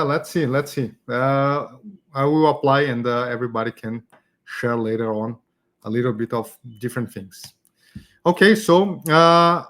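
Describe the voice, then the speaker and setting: Chatty Brazilian-raised man hosting workshop. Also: medium pitch. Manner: chatty, many fillers and "okay?" tags. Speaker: community event host teaching design. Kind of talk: casual live online workshop.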